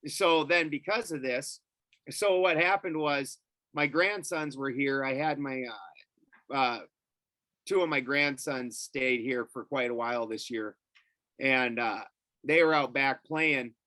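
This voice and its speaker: Bright, profane middle-aged storyteller man. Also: medium pitch, unhurried, no room sound. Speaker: podcast guest. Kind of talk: casual storytelling.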